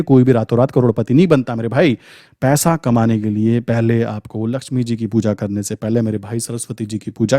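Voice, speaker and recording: With an Indian accent, a channel host coaches viewers on trading in a casual, motivating way, hammering points with repetition and rhetorical questions. He sounds a little high-pitched and slightly mellow, in clean studio audio with no echo.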